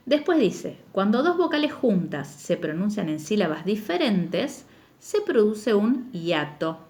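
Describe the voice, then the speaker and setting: Young woman teacher, animated patient delivery for a remote class. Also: mid-range voice. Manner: slow, emphatic spelling-out of words for children. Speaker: primary school teacher. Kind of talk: recorded remote lesson, explaining exercises.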